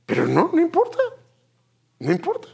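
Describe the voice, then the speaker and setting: A man delivers a sermon in a husky voice, his pitch rising and falling dramatically. He speaks straight to his listeners, often calling them brother. He drops to near-whispers, then comes back with loud, pointed emphasis. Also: huge pitch swings, moderate pace. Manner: swings between hushed asides and loud emphatic bursts; addresses the congregation directly, repeating "fíjese" and "hermano". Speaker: pastor.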